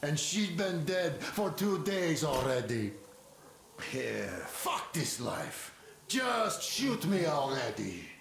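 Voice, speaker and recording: Despairing grieving dad, gravelly, slow, echoey game sound. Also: male voice, on the high side, very animated, fairly bright tone, slight background noise, exaggerated voice. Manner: bitter, despairing. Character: grieving desperate father begging to be shot.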